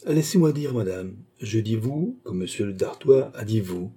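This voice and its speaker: A man's voice: lowish voice, animated, normal speed, warm tone, husky. A man reading an audiobook, voicing a suave male police chief who speaks with polite, smug deference.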